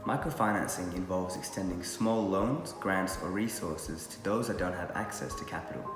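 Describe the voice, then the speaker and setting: A man giving a scripted voice-over in a measured, explanatory read. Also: deep voice. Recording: long hall reverb with music.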